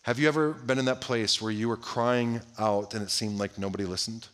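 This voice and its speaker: A man preaching a sermon, asking his listeners question after question, often restarting phrases and letting line endings sink to a near hush. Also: mid-range voice, steady tone, a little fast. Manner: asks the listeners many direct questions; drops to a hushed voice at the ends of phrases. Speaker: pastor.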